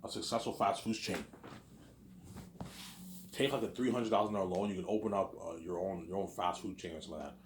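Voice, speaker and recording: Speaking a little fast but pausing often, a low-voiced vlogger in his thirties from Quebec drifts through an informal monologue, repeating points and acting out both speakers in made-up conversations. The room is echoey, with slight background noise.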